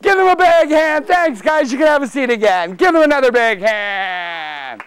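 A man's voice: very high-pitched, very animated, moderate pace, a bit bright, clean tone, dry recording. A middle-aged man performing as a kids party magician, exuberant and theatrical, talking playfully to young volunteers and often raising his voice. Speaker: children's magician. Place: children's library room, performing before seated kids.

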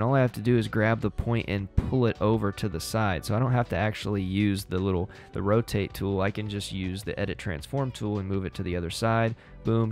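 A young man hosting a design tutorial, relaxed and upbeat, explaining each step casually into a studio mic. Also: on the low side. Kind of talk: casual screen-recorded tutorial. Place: small home studio indoors. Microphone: studio mic on boom arm.

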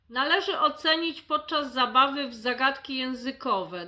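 A woman speech therapist reads a checklist of exercises at a slow, deliberate pace. Her voice sits high and sounds bright. She articulates every example word with care. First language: Polish. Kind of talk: reading a checklist aloud.

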